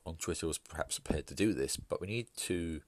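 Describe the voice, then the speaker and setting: This podcast host talks alone through an opinion piece, careful and halting, often restarting and leaning on fillers. He sounds stuffed up from hay fever, though his deep voice stays expressive. The recording is dry.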